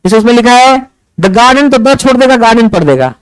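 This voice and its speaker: A man teaching English to a class, lecturing in a lively way and often asking the students questions. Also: very high-pitched, moderate pace, smooth, no echo, low-quality recording. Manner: animated, asks the class questions.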